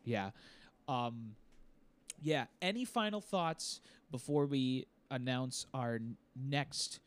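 A man's voice: medium pitch, takes it slowly. A young adult man co-hosting a casual gaming podcast, talking in a rambling, self-deprecating, jokey way. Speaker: podcast co-host.

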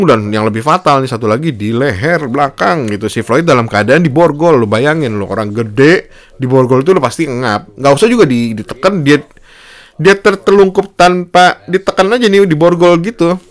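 A man's voice: animated, normal speed. A young man, telling a story in a casual monologue and voicing the people in it with a raised voice. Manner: slangy Jakarta-style speech, acts out quotes in a high voice.

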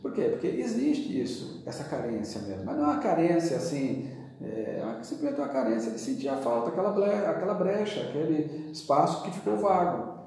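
A man's voice: fairly high pitch, big pitch swings, fairly quick, a little mellow. A man who is a pastor with a Brazilian Portuguese accent, teaching earnestly and emphatically in a church interview. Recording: very echoey room, voice from a distance.

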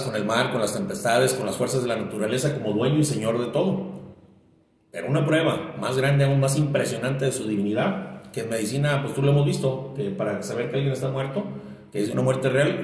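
A man's voice: mid-range voice, darkish tone. A man giving a conversational sermon, asking his listener "¿verdad?" and acting out the quoted lines. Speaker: preacher. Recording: very echoey hall.

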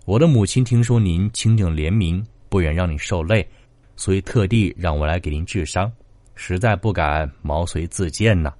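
A man voicing a polite young male scholar who is a spirit, speaking in a formal, humble, measured way. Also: low voice, a little mellow, no echo, close to an everyday voice. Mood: earnest.

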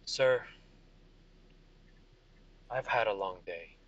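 A man voicing a weary, disgruntled general who talks low and flat after a long shift. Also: drawn-out words. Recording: dull lo-fi sound.

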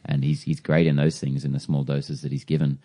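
Very deep-voiced excited podcast guy. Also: a little fast. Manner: enthusiastic, laughs often, swears casually. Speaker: podcast co-host. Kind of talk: casual chat.

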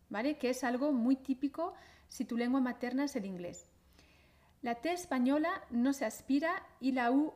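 A woman from teaching pronunciation in a podcast, repeating syllables slowly and clearly in an encouraging way. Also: high-pitched, a little mellow. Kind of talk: slow, careful pronunciation lesson. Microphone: podcast microphone.

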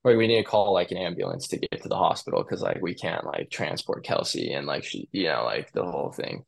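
A man's voice: sits low, a little fast, vocal fry. A young man casually telling a story, rambling and profane, filling nearly every phrase with "like". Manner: profane, animated retelling.

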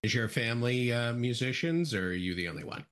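A man's voice: mid-range voice, animated, fairly quick, a bit bright, smooth. A man hosting a podcast, asking short, plain questions of his guests. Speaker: podcast host. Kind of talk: interview questions.

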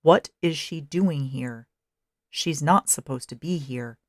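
A woman voicing an annoyed, booming God who speaks slowly and curtly. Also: no room sound, clean studio sound, full character voice. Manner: slow, curt, irritated.

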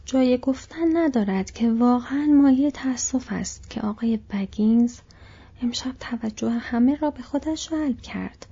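Woman doing a jumpy fat male innkeeper, whispered role-play, breathy, dark tone, lo-fi. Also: on the high side, pitched above the performer's own voice. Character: fat fretful male innkeeper, easily frightened.

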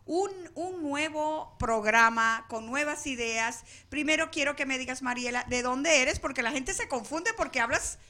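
Bright high-voiced woman radio host. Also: normal speed, few pauses. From Venezuela. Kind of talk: casual studio chat. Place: radio studio.

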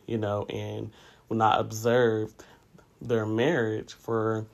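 A podcast host in his late thirties speaks in a fairly low, gravelly voice with a level tone and a slow pace. His monologue is casual and reflective, full of candid conversational asides, and he often says "you know."

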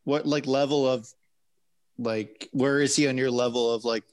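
A man's voice: medium pitch, fairly even intonation, moderate pace. A man co-hosting a sports podcast, defending his picks and laughing things off. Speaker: podcast co-host. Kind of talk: casual sports chat.

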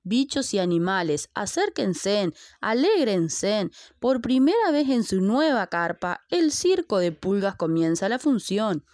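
A woman's voice: mid-range voice, very animated, a little slow, hardly any pauses, a little mellow. A woman voicing a small flea who announces a circus show. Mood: announcing. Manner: announcing, inviting. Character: female flea circus announcer, lively showman.

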